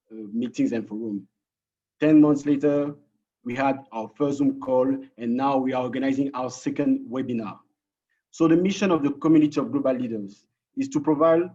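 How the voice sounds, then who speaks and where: A man presenting his organization in an online webinar as its coordinator, halting with frequent restarts over a video call. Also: mid-range voice, mellow, slightly rough, highs cut off.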